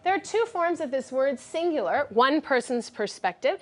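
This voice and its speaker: High-voiced woman teaching a class. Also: big pitch swings, normal speed. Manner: clear, directive, praising students. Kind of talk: classroom vocabulary lesson.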